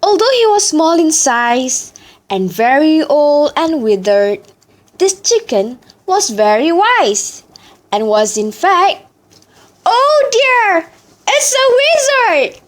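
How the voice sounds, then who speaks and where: A woman reciting a story in a deliberate, theatrical way, as practice for choral speaking. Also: high voice, big pitch swings.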